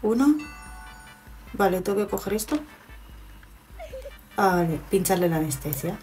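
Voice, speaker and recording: A woman's voice: mid-range voice, animated, measured pace, dark tone, soft background music, poor audio. A woman casually commenting on her gameplay, playfully chatting to her patients with mock-professional pride. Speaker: gaming video host.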